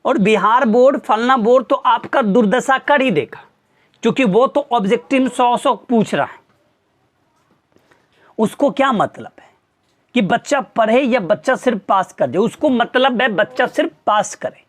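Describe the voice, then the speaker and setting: A man's voice: very high-pitched, animated, unhurried. A man, a teacher, earnestly lecturing his students with pointed rhetorical questions. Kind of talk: motivational talk to students.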